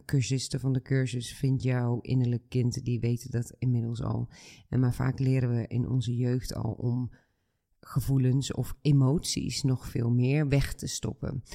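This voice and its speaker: A calm man hosting a reflective podcast, talking straight to the listener at an unhurried pace. His voice is mellow and dark, with a gravelly rasp running under his words. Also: mid-range voice. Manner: calm, slow and addressing the listener directly. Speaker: podcast host and coach.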